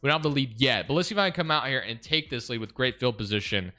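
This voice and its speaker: A man's voice: medium pitch, animated, fast talker, sharp tone. A young man giving casual commentary over a video game, thinking aloud and correcting himself as he goes. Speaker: gaming video creator.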